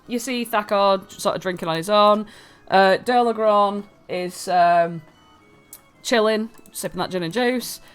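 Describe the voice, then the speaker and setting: A woman's voice: medium pitch, measured pace, smooth, soft background music. A woman improvising casual narration in a tabletop role-playing game.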